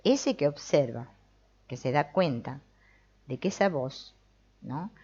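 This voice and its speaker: Woman, book discussion host, live-stream commentary, chatty with tag questions, deep voice, dull lo-fi sound. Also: lively intonation, slow, darkish tone, slightly rough. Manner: conversational, keeps checking in with tag questions.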